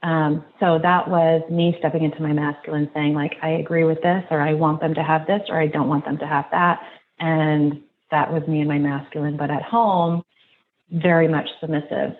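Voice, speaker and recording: A woman guest in an interview, reflecting slowly and haltingly, restarting her sentences. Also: sits low, flat delivery. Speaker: podcast guest. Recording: tinny phone-like line, faint noise.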